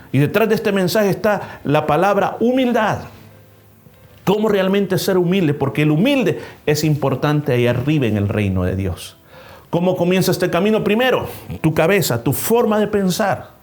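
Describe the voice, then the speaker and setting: A man's voice: high voice, darkish tone. A man preaching a sermon in as a pastor at a church service, stressing numbered points with rising emphasis. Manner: acts out a story with changing voices.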